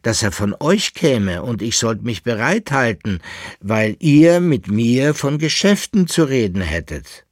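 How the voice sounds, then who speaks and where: A man's voice: medium pitch, sing-song, measured pace, no echo, studio quality, pitched above the performer's own voice. A man reading aloud, voicing a young army officer who is earnest and easily flustered.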